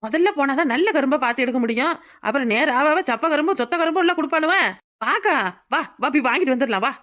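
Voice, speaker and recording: A woman's voice: high voice, fast, a bit bright. A woman voicing a pushy young village neighbor in a cartoon, nagging and urging, with a Tirunelveli Tamil accent. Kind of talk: cartoon voice acting.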